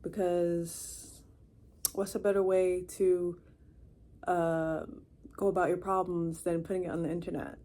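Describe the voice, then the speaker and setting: A 23-year-old vlogger rambles casually to the camera in her own room, chatty and full of fillers and restarts. Her voice is fairly low and warm, with a level tone, and she speaks a little slowly.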